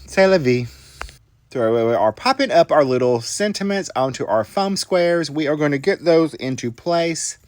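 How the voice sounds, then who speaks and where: A man's voice: medium pitch, no room sound. A middle-aged man, casually narrating a card-making tutorial with folksy, self-deprecating asides to his viewers. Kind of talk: casual crafting tutorial voice-over.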